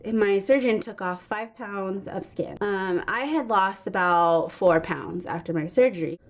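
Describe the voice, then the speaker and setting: A woman's voice: mid-range voice, a little slow. Frustrated, emotional woman vlogger. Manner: frustrated, emotional, chatty with many fillers. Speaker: vlogger documenting her recovery. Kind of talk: casual talk to camera.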